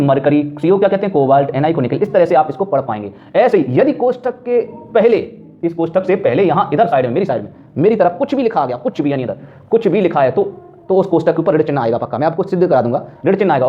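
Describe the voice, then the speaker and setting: A man's voice: a little high, lively intonation, fast talker. Man teaching chemistry, quizzing himself. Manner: repetitive, asks and answers own questions. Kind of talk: classroom lecture. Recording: dull lo-fi sound.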